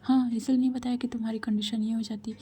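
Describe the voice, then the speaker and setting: A woman doing a soft-spoken loving young woman. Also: a little high, flat delivery, fast talker, natural voice. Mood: pleading. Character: young woman, loving, gently reassuring partner.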